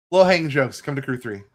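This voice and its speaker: A man co-hosting a podcast, trading quick quips and laughs during casual card game commentary. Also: mid-range voice, a little hiss or hum.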